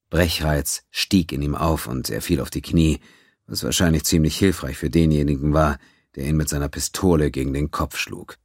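A man narrating a science-fiction audiobook in a steady, even storytelling manner. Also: very deep voice, no echo, clean studio sound.

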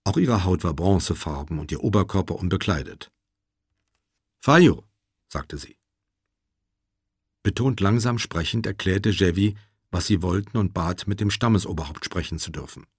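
A man narrating an audiobook in a measured, even storytelling manner. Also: deep voice, husky, no room sound, studio quality. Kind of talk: scripted narration.

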